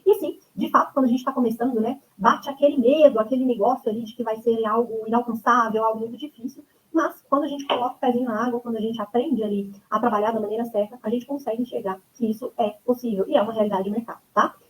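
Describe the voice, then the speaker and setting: Brazilian woman in her 30s running a webinar, quick and chatty, kinda high voice, lots of "né?". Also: steady tone, low-quality recording. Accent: Brazilian Portuguese. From Brazil (Goiânia). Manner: chatty, leans on tags like "né?" and "tá?". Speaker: instructor presenting her online course. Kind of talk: webinar presentation.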